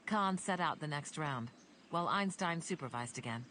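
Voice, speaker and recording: A woman narrating an audiobook in an even, measured reading. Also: low voice, slight background noise.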